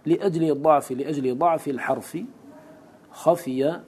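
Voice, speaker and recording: A man's voice: a little high, steady tone, normal speed, a little mellow, slightly rough. A man teaching a lesson on a classical poem, who asks rhetorical questions and answers them himself. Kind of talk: lecture explaining a classical poem.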